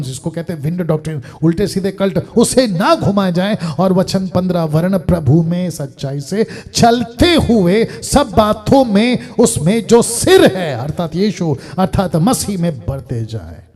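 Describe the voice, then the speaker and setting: Male pastor, high voice, fervent preaching that sinks to low asides. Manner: emphatic preaching with wide swings in loudness, dropping to near-murmurs; mixes English phrases into his preaching. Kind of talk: sermon.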